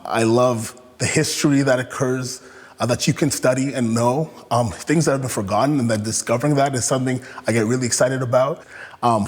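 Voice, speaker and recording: Medium in pitch with a breathy edge, this young Canadian man answers interview questions reflectively and hesitantly. He often restarts and leans on filler words. Long reverb fills the echoey space.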